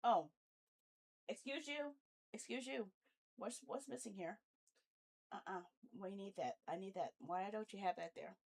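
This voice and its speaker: Setting up a game on her livestream, a female host chats in a playful, casual way and mutters to herself as she troubleshoots. She speaks at a mid-range pitch and a measured pace, with vocal fry and long pauses.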